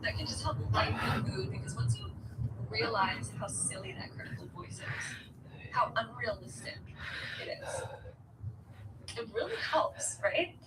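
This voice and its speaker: A woman reads spiritual cards in a chatty, encouraging way, talking right to the listener. She sits far from the mic, and loud background noise runs under her voice. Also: a little high, very animated, measured pace. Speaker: spiritual card reader. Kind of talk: motivational card reading.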